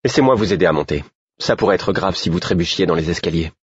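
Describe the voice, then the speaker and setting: A man's voice: low voice, fast talker, husky, no room sound, highs cut off. A man voicing a curt, reproachful young woman, a candlemaker, in an audiobook reading. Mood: sharp.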